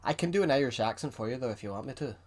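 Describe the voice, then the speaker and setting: Very fast and animated, a young male streamer with a Southwest English accent talks at medium pitch while gaming. His casual chatter wanders, restarts often, and includes viewers' messages read aloud, with soft music and keyboard typing behind him.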